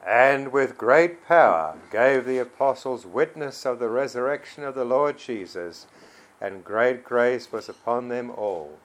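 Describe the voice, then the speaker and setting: A man's voice: medium pitch, low-quality recording. A man preaching, reading scripture aloud in a solemn, emphatic way and then leading a prayer.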